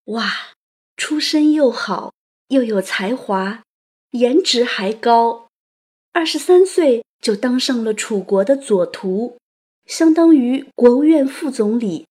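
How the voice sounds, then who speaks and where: A woman narrating a written story as an audio host, in a playful, chatty manner with lively asides. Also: fairly high pitch, slow pace, breathy edge.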